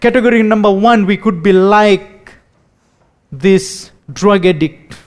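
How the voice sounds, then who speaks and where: A man preaching a sermon, reading dramatically and dropping to a hush, repeating words as he speaks off the cuff. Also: sits high, slow.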